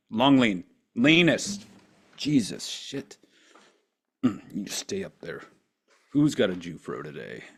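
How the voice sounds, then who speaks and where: A man with a low voice that swings widely as he clowns around, slipping from booming mock-announcer lines to muttered curses. He talks slowly, ribbing himself while he fiddles with the setup. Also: creaky. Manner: jokey, self-mocking, mutters and curses while fiddling with gear. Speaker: podcast host. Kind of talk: rambling solo setup chat.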